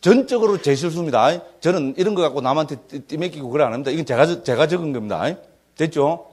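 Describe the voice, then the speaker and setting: A middle-aged man with a Gyeongsang accent, lecturing as a Buddhist monk to a class. His voice sits a little higher than most men's. He talks in a loose, chatty way and keeps asking his listeners to agree with him. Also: expressive, fast, a little mellow, slightly rough.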